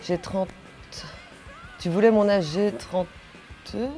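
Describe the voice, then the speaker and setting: A woman's voice: medium pitch, steady tone, takes it slowly, mellow, faint music behind. A woman, a punk singer answering interview questions bluntly and crudely, with jokes and fillers. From Belgium. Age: 30s.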